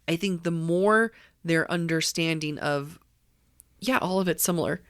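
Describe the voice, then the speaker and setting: A woman's voice: fairly low pitch, measured pace, fairly bright tone, dry recording, studio quality. A woman co-hosting a casual book chat, talking in a blunt, opinionated, sweary way. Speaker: co-host of a book discussion show.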